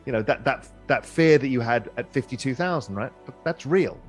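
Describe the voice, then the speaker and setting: Animated middle-aged man telling a story. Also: medium pitch, brisk, soft background music. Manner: animated storyteller, frequent repeats and restarts. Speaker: interview guest. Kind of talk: conversational interview answer.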